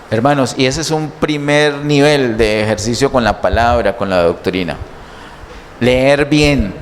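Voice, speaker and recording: A man preaching a sermon in a church, teaching step by step and asking his listeners many questions. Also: mid-range voice. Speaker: pastor. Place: church hall. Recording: church hall reverb, faint noise.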